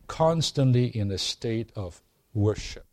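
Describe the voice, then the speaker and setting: A man preaching a sermon to a congregation, earnest and unhurried, growing emphatic as he reads and explains scripture. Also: medium pitch, expressive, a little mellow, no echo. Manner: slow, earnest, calls for amens, rising to emphatic preaching.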